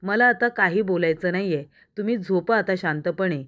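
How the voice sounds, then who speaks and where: A woman reading the lines of a sharp-tongued young wife who scolds her husband with pointed questions, in a story recap. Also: on the low side, close to an everyday voice. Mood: reproachful. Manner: reproachful, rapid-fire questions.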